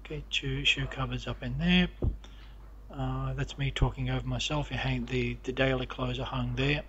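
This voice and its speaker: A man walking through his home with a camera, narrating the rooms in a halting, casual way full of fillers and restarts. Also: mid-range voice, steady tone, fairly bright tone, muffled recording, slight background noise. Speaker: homeowner giving a house tour. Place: inside a house, walking room to room.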